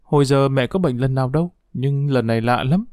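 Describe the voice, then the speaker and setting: Man doing a calm young husband, measured tone, storybook reading, dry close sound. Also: mid-range voice, dry recording, lightly acted.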